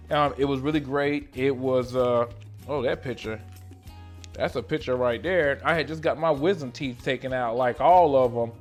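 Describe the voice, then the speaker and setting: A playful man in his late thirties chats straight into a close camera, slangy and loose. He swings from loud, excited bursts to low, mumbled asides. Faint music plays underneath. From North Carolina, USA. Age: 30s. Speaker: esthetician vlogger. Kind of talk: casual question-and-answer vlog. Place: small room lit by colored lights. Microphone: camera in front of him at close range.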